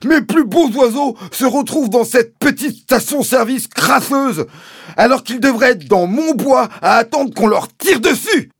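A man's voice: expressive, measured pace, husky, dry recording, clean studio sound, full character voice. A man voicing a furious, pompous rich landowner who shrieks his accusations. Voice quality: shrill, shouting.

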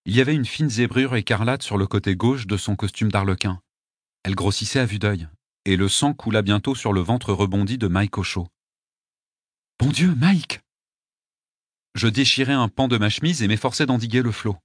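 A man narrating a story in a steady, measured way. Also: lowish voice, no room sound, studio quality. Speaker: audiobook narrator. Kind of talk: scripted narration.

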